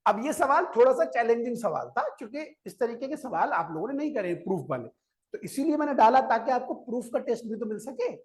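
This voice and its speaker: A man's voice: very high voice, sing-song, fast. A male maths teacher giving a classroom lecture, coaxing his students, quizzing them and repeating each step. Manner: keeps quizzing students and repeating key steps; coaxing, urges students to listen before writing.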